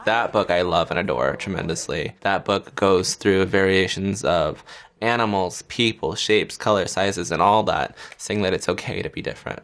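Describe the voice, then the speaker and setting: A man speaks casually in a documentary interview. His voice is deep and low. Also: normal speed, fairly bright tone.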